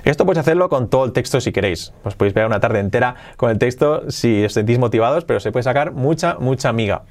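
Male podcast English teacher, mid-range voice, explanatory classroom delivery with slow drilled examples. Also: medium pitch, lively intonation, a little mellow. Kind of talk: Spanish-language English lesson.

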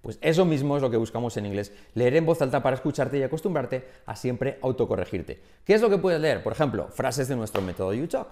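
A man from Spain with a Spain Spanish accent, an English pronunciation teacher giving an energetic online lesson and drilling example phrases aloud. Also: medium pitch, brisk, hardly any pauses.

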